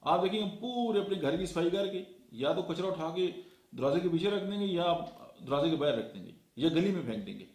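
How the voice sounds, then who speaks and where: A man's voice: high-pitched, lively intonation, brisk, a little mellow. A man from Pakistan giving a motivational talk, lecturing and counting off his points one by one with frequent fillers. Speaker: motivational speaker. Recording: echoey room.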